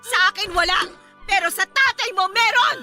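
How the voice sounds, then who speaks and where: Shrill enraged wife, teleserye confrontation. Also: female voice, animated, fairly quick. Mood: furious. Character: enraged jealous wife confronting her stepdaughter. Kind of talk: Filipino radio drama acting. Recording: loud dramatic music underneath.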